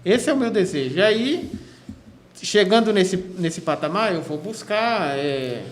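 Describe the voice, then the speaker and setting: High-voiced man, roomy sound. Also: animated, measured pace. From Cubatão, São Paulo state, Brazil. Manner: chatty storytelling with many restarts. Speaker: guest, physical education teacher. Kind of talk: casual radio interview. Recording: echoey room with faint noise.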